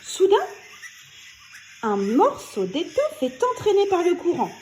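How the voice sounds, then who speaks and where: A woman reading a children's story aloud in an expressive, animated storytelling manner. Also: very high voice, slow pace, slight background noise.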